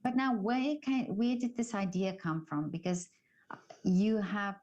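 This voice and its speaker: Halting woman interviewer, muffled audio. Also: mid-range voice, fairly even intonation, darkish tone. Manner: halting, searching for words with many restarts. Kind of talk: conversational interview.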